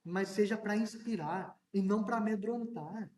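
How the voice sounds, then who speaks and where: A man preaching a sermon as a pastor, in an animated way that now and then breaks into shouting. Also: high voice, moderate pace. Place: church hall. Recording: echoey church hall, mic at a distance.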